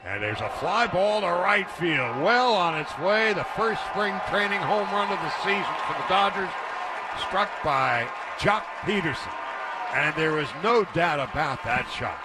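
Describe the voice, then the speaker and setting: Animated male baseball announcer, crowd behind. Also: sits high, a little slow. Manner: builds excitedly on big hits. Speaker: play-by-play announcer. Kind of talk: baseball play-by-play commentary. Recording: broadcast commentary over crowd noise.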